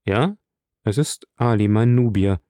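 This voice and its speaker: A man reading the part of a reserved, worldly wealthy count in a calm, measured way in an audiobook. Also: lowish voice, no echo, studio quality, close to an everyday voice. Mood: composed.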